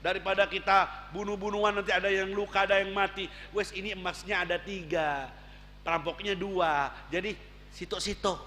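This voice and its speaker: A man doing a soft-spoken, sly greedy disciple. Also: fairly even intonation, moderate pace, slight background noise. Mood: placating. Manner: soft, placating, low. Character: greedy, sly male disciple, quietly scheming. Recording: echoey hall.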